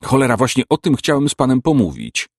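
A man's voice: mid-range voice, wildly swooping pitch, brisk, breathy edge, no room sound, studio quality, voice pushed up, full character voice. A man putting on an old caretaker's raised, eager voice. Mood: fussy. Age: older. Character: elderly male building caretaker, friendly, chatty.

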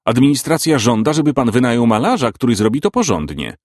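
A talkative old caretaker, as a male audiobook reader puts him on, with a voice pitched well above his own and a lively, rising lilt. Eager and a little fussy, he tumbles into every remark as if it cannot wait. The reading is dry and close. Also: fast, dry recording. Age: older. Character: elderly male building caretaker, friendly, chatty.

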